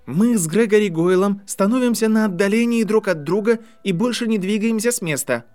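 A man's voice: high-pitched, fairly quick, a little mellow, pitched above the performer's own voice, close to an everyday voice. A man reading an audiobook, voicing a clever, bold boy wizard who speaks with urgency. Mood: announcing. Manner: urgent, commanding.

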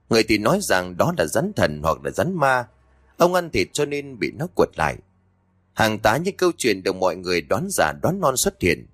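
A man's voice: medium pitch, no room sound, clean studio sound. A man narrating a scripted horror story in a dramatic manner.

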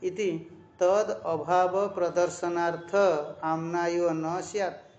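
A man teaching scripture, reciting Sanskrit verses and then explaining them in Hindi in a measured, repetitive way. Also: high-pitched, level tone, a little mellow. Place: ashram hall. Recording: roomy, dull lo-fi recording.

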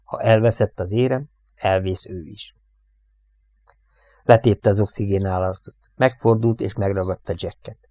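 Male audiobook narrator, measured and dramatic, fairly low voice. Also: fairly even intonation, mellow, dry recording, studio quality.

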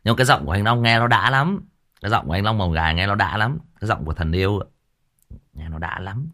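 A man's voice: on the low side, expressive, quick pace, bright, forceful tone. A man hosting a story channel, talking casually about a story to his viewers, rambling and often repeating words as he searches for the next one. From Vietnam. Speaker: audiobook narrator and channel host. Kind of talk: casual livestream commentary.

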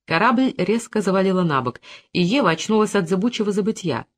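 An audiobook narrator reading a literary novel in an even, measured storytelling manner. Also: medium pitch.

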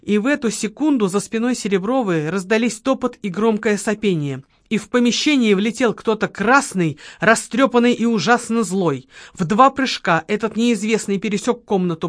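A woman reading a novel aloud in an expressive narrating style. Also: medium pitch, moderate pace, few pauses, no echo, clean studio sound. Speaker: audiobook reader. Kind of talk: scripted narration.

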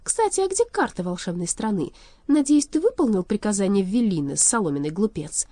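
A woman reading a storybook aloud, voicing a sly, scheming young sorceress who mocks in a loud, sweet voice. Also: mid-range voice, very animated, a little fast, no echo. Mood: mocking.

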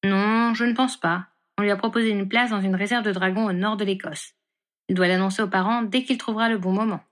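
A woman's voice: mid-range voice, steady tone, fairly quick, lightly acted. A woman voicing a touchy, defensive young man in a storybook reading. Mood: matter-of-fact.

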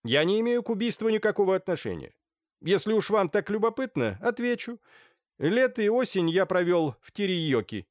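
Man doing a sneery high-toned young aristocrat, dry studio read. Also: big pitch swings, fairly quick, dry recording. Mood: mocking. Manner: sarcastic, haughty. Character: handsome cocky young nobleman, mocking.

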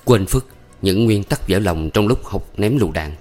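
Low-voiced male storyteller. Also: expressive, moderate pace, a little mellow, faint music behind. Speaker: narrator.

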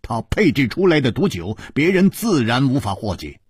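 A man voicing a calm, clever male swordsman hero who reasons things through with small scoffs. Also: mid-range voice, husky, no room sound, clean studio sound, pitched above the performer's own voice. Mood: reasoning. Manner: measured, reasoning, with little scoffs.

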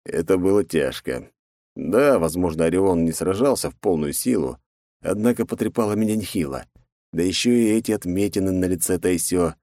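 A man reading an audiobook in an expressive, dramatic way. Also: low-pitched, moderate pace, no room sound, clean studio sound. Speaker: audiobook narrator. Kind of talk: scripted audiobook narration.

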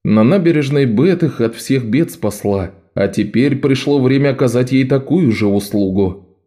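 A man narrating an audiobook with even, expressive storytelling. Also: medium pitch, normal speed.

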